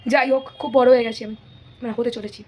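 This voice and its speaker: High-voiced chatty teenage girl vlogging. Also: fairly even intonation, fast talker, a little mellow, slightly rough. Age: late teens. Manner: rambling, restarts sentences, keeps asking "okay?"; mixes in English words. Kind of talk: casual chatty vlog. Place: home, near kitchen.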